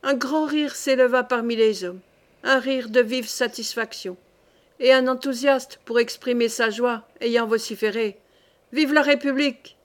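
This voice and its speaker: A woman narrating a classic short story in a measured, expressive way. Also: on the high side. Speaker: reader. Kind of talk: literary audiobook narration.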